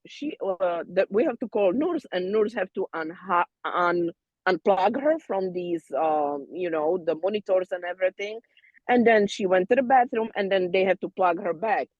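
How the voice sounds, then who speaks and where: A woman, a doula student, casually telling peers about a birth in halting, non-native English full of fillers and restarts. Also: mid-range voice, a little mellow, no room sound, highs cut off. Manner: non-native phrasing, loose grammar.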